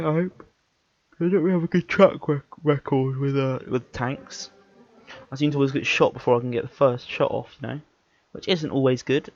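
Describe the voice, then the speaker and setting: A man giving casual, rambling commentary while playing a video game, often correcting himself mid-sentence in an easygoing way. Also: mid-range voice. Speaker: gameplay commentator. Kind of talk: casual live gameplay commentary. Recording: dull lo-fi mic with game noise. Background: game engine and vehicle noise.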